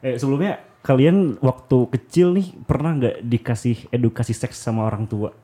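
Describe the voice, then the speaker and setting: A man's voice: mid-range voice, normal speed, mellow. A man explaining things as a podcast guest in an informal, hesitant way, searching for words as he goes. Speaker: podcast guest, youth health educator. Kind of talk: casual explanatory interview talk.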